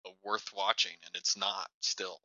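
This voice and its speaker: A man's voice: low-pitched, little pitch movement, unhurried, lo-fi sound, a crowd in the background. A man chatting casually about movies on a podcast, tossing in offhand remarks. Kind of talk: casual movie-review chat.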